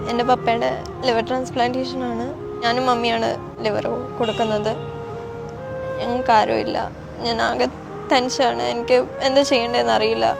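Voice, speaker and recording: A young woman speaking through tears in a high, flat, creaky voice, distressed and pleading. She stands outdoors in front of a hospital at night, with music under her words. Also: moderate pace, long pauses. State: tearful. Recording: music playing behind the voice.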